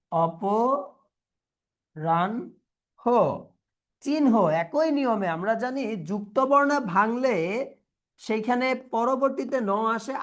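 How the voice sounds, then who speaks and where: A man teaching an online revision class over a video call, quizzing students, reading their replies, and slowly repeating words to drill their pronunciation. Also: sits high. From Bangladesh.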